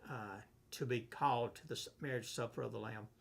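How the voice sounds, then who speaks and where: Male pastor, mid pitch, gravelly; conversational Bible teacher who quotes and explains scripture. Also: fairly even intonation, slight background noise. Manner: reads scripture aloud and explains it verse by verse; unhurried, asks himself questions and answers them. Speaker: pastor leading a Bible study.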